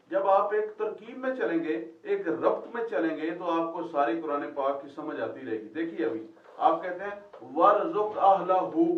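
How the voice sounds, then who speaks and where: This Quran Arabic teacher runs a lesson by questioning students and repeating back their responses, recorded from a distance in the classroom. His voice is on the high side, and the audio is echoey with highs cut off.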